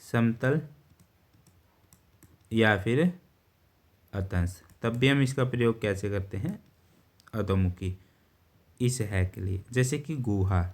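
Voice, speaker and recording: A man teaching shorthand, explaining step by step in a patient way and often pausing to check understanding. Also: lowish voice. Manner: patient, repeats words and checks with "theek hai". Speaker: steno teacher. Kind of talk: explaining a lesson while writing.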